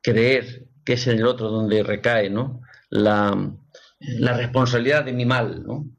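Reflective soft-spoken man. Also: mid-range voice. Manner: reflective, soft, ends phrases with "¿no?". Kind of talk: reflective radio talk.

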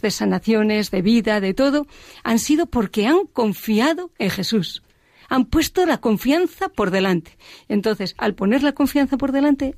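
A woman's voice: medium pitch, creaky, darkish tone, no room sound, clean studio sound. A middle-aged woman giving an earnest personal faith testimony, repeating phrases for emphasis. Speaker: religious sister giving testimony.

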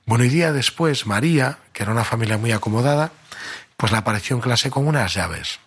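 A man's voice: medium pitch, lively intonation, a little fast, a bit bright, slightly rough. A man preaching a sermon, telling a story conversationally, full of fillers, rising to emphatic peaks.

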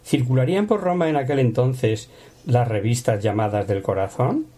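Man, husky, mellow tone, Bible lesson, conversational. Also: medium pitch, lively intonation, normal speed. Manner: conversational, asks rhetorical questions. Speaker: Bible teacher. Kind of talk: explanatory Bible commentary.

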